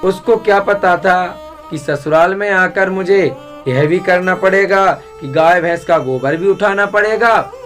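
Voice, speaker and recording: A man's voice: high-pitched, measured pace, a bit bright, faint music behind. A man telling a comic devotional story, chanting and addressing his listeners as brothers. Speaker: religious storyteller.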